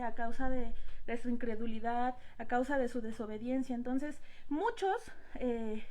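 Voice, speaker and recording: A woman giving a Bible study lesson, pausing often on "eh" and checking in with tag questions. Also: a little high. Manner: hesitant, frequent "eh" and tag questions "¿no?". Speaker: Bible teacher.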